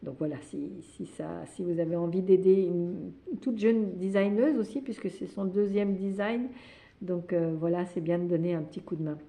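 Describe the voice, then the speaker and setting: Woman, podcast host, casual chat, hesitant with many fillers, lowish pitch, mellow tone. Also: fairly even intonation, normal speed, creaky.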